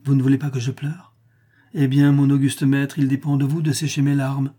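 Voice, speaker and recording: A proud empress, resolute and close to tears, speaking up in a raised, husky voice, as a male reader puts her on. The tone is mellow yet firm, pitched above a man's usual reading voice. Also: completely flat delivery, normal speed, close to an everyday voice. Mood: pleading.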